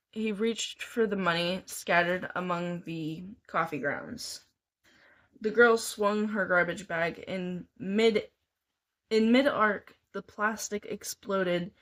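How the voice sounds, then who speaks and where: A woman reading a novel aloud in a deliberate way, sometimes restarting a phrase. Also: medium pitch, a bit bright. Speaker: reader.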